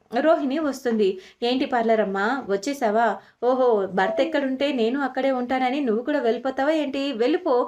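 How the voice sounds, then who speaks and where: A woman with a fairly high voice retells a family drama from a television serial. She speaks every quoted line herself in a steady, conversational storytelling flow, pausing on small fillers and restarting words now and then. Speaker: serial recap narrator. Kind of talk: retelling a TV serial episode, voicing the quoted lines.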